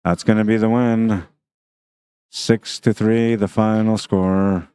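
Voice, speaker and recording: A man's voice: lowish voice, little pitch movement, slow, mellow, clean tone, no room sound, studio quality. A man giving casual play-by-play commentary on a pool livestream, thinking aloud about the shots in a chatty way.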